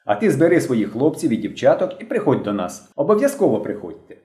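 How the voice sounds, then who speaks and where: A man voicing a stern but cheerful seventeen-year-old girl who leads young pioneers, in a brisk, commanding way. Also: medium pitch, sing-song, mellow, natural voice. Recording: roomy echo.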